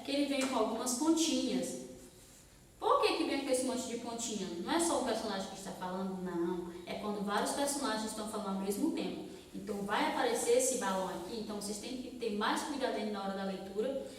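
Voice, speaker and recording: A woman's voice: a little high, a little hiss or hum. Woman, primary school teacher, patient, asks and answers her own questions, recorded from far off, heavy hall echo. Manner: asks questions and answers them herself, frequent tag questions; patient, explanatory, repeats key points. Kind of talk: recorded lesson for young children. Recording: very echoey hall from far off, faint ambience.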